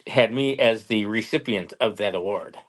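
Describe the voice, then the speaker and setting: A man appears as an interview guest, chatting casually and telling stories plainly with short, simple answers. His voice is on the low side, and he speaks at a moderate pace.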